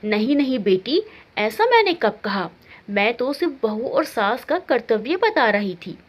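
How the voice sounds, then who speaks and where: A stern, aging mother-in-law from a family storybook, as a woman narrator puts her on, speaking in a slow, measured, lecturing way about duty. The voice is lower than the narrator's own but still swoops up and down. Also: sing-song, muffled recording. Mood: defensive.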